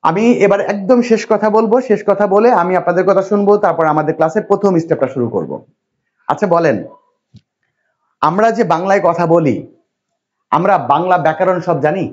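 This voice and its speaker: A male English teacher from Bangladesh lectures a class, his voice a little higher than most men's and a little fast. He speaks in a repetitive, reassuring way and keeps quizzing the students, in a dull lo-fi recording.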